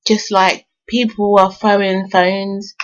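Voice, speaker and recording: Animated woman telling a story. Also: mid-range voice, slow pace. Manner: animated, laughs often, swears freely. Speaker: vlogger. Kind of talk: casual storytime retelling. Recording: dull lo-fi sound.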